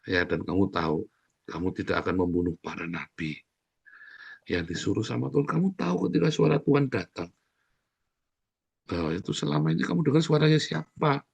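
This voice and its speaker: A man's voice: lowish voice, lively intonation, a little fast, gravelly, pauses often, breathy edge. A middle-aged man preaching a sermon as pastor, exhorting the congregation directly and repeating his key phrases over and over.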